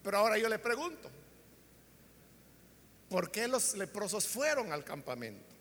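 A man preaching a sermon, retelling a story dramatically and shouting out the characters' lines. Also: sits high, big pitch swings, normal speed, in a large hall.

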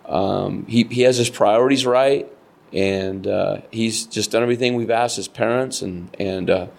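Middle-aged man, fishing guide, fairly low voice, rambling earnest storyteller, casual interview. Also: unhurried, vocal fry, a little mellow. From Nebraska, United States. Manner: rambling, earnest, lots of fillers and restarts. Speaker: podcast guest, kayak fishing guide.

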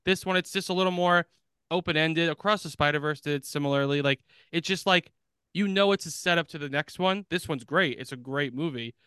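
A man's voice: fairly high pitch, brisk, sharp tone, clear, resonant tone, dry recording. A man co-hosting a movie podcast in casual chat, easygoing and opinionated. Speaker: podcast co-host.

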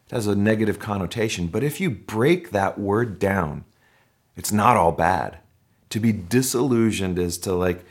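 A middle-aged pastor delivering a sermon to his congregation, his voice rising and falling in lively swings of pitch. He talks in a chatty, informal way and leans on rhetorical questions and quick asides. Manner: conversational, animated preaching with asides and rhetorical questions.

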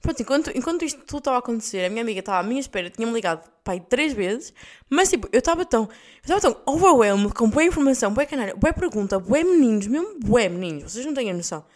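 A young woman with a European Portuguese accent, telling a story as a podcast host in rapid, bouncing speech that swoops up and down. Her voice sits a little high, and she laughs a lot, swears freely and talks in slang. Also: very animated, darkish tone. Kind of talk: casual storytelling.

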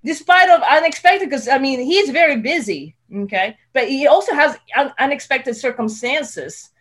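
A woman hosting a casual interview, chatty and quick to laugh, often restarting her words. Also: high voice, expressive, a bit bright. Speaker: podcast host.

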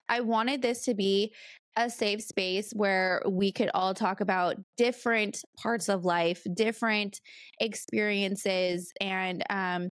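A woman's voice: mid-range voice, dry recording, clean studio sound. A woman in her late thirties from California, hosting her own podcast in a rambling, chatty way with plenty of fillers. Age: 30s. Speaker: podcast host. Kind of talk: casual solo podcast chat.

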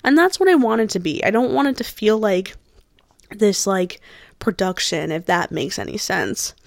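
This is a casual solo podcast hosted by a woman from New Jersey in her early twenties, who rambles in a chatty way full of fillers and restarts. Her mid-range voice is animated, at normal speed, with vocal fry. The sound is clean studio quality with no echo.

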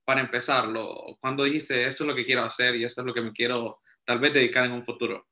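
A man's voice: medium pitch, little pitch movement, quick pace, bright, forceful tone. A man hosting an interview show, introducing his guest and asking open questions in a conversational way. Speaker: podcast host.

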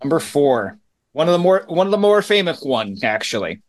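A man's voice: fairly high pitch, sing-song, moderate pace. A man co-hosting a podcast, joking as he runs a question game. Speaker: podcast co-host. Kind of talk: casual chat.

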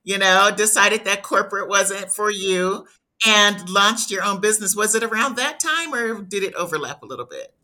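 Female interview host, bright, forceful tone; reads intros and asks questions. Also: medium pitch, expressive, moderate pace. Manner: reads a scripted guest introduction, then asks friendly questions. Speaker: podcast host.

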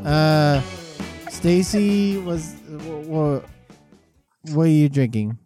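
A man's voice: on the high side, drawn-out words, music in the background. A man hosting a casual podcast chat, calling in over a payphone line from an airport. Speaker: podcast host.

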